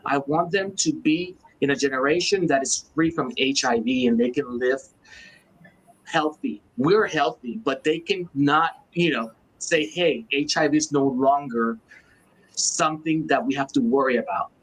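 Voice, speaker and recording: A man's voice: mid-range voice, unhurried, husky, poor audio. A man, speaking earnestly as a guest on a video call panel. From Puerto Rico. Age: 40s. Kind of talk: casual panel talk.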